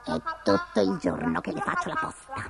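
A woman voicing a patient male toad who speaks in a low, hushed voice, in a storybook reading. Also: huge pitch swings, fairly quick, gravelly, over loud music. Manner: hushed, lowered voice.

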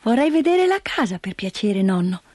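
A woman voicing a bright, eager little girl in a storybook reading, high and excited. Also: normal speed, dry recording.

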